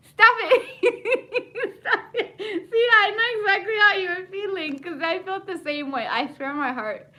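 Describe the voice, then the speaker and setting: A woman with a high, bright voice chats through a TV recap, rambling and animated. She breaks into laughter often and drifts into asides. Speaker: TV recap vlogger. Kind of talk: casual chatty recap.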